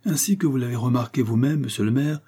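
A man voicing a calm, composed young man speaking in measured tones. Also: medium pitch, slightly rough, pitched above the performer's own voice.

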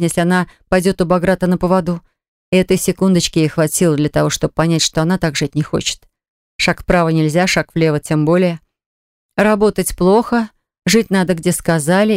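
Smooth, dry audiobook narrator. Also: mid-range voice, dry recording. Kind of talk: scripted romance narration.

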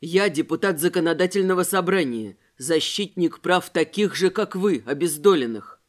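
A woman's voice: fairly low pitch, expressive, normal speed, voice pushed down, lightly acted. A woman voicing a polite young male deputy, earnest and pleading, in an audiobook.

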